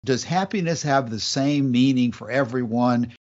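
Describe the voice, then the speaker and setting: A man's voice: medium pitch, moderate pace, darkish tone, dull audio. A man hosting a podcast who guides the conversation, reading passages and posing questions in a casual discussion. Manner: guiding, asks questions. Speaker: podcast host.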